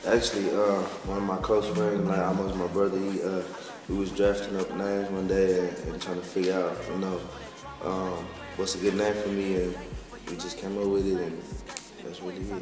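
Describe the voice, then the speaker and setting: A young Texan man in his twenties talks with a very low, flat voice, halting through his answers with restarts and slang. He sounds far from the mic in an echoey room with a long reverb tail. Soft music plays behind him. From Texas, USA. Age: 20s. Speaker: guest musician. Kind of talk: casual interview talk. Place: lounge with large windows, indoors.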